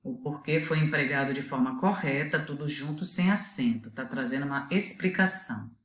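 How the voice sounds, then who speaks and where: A woman teacher with a Brazilian Portuguese accent talks through a video lesson in a low voice. She explains patiently and pauses to let the students work out the answer. The room around her is noticeably echoey.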